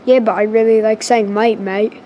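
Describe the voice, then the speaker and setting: A woman's voice: on the high side, little pitch movement, normal speed, dark tone, muffled recording, slight background noise, close to an everyday voice. A girl voicing a newly aged-up baby boy who talks in a put-on Australian accent, laid-back and teasing. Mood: casual. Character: cheeky male baby aged to ten, Australian.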